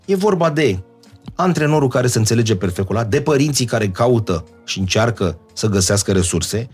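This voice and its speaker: A man chatting casually as a guest, telling stories with lively, animated delivery and sudden leaps in pitch. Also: slightly rough, soft background music. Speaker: guest storyteller. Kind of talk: casual chat.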